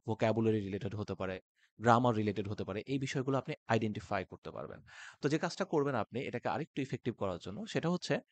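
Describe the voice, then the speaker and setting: A man giving IELTS speaking tips to camera, animated and mixing English phrases into his talk. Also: mid-range voice, no room sound. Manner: animated, switches between Bengali and English phrases. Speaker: IELTS tutor.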